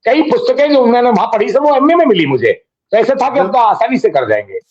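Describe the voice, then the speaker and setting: Middle-aged male guest, high voice, rambling, constant "sir", muffled video-call audio. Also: big pitch swings, fast talker, a little mellow. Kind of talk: casual reminiscing on a live online program.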